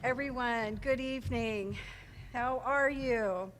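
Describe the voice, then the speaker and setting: A hall of fame inductee gives an emotional, teary acceptance speech at a podium mic in a large banquet hall, joking with the audience. Her voice is fairly high and she speaks slowly. The reverberant hall carries faint ambience and slight background noise.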